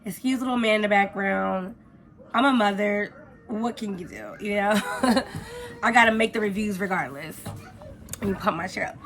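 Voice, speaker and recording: Hoarse woman chatting through a casual review. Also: medium pitch, moderate pace, a bit bright. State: hoarse from a cold. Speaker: beauty vlogger reviewing products.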